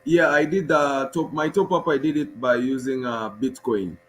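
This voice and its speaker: A man's voice: mid-range voice, moderate pace, slight background noise. Man from Tanzania explaining on a call. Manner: explains step by step while showing his screen. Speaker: guest. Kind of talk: casual live-stream chat.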